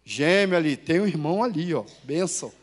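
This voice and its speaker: High-voiced Brazilian pastor preaching. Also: male voice, a little fast. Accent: Brazilian Portuguese. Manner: storytelling, lively swings between loud and hushed; addresses the congregation with questions. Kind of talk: sermon. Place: church.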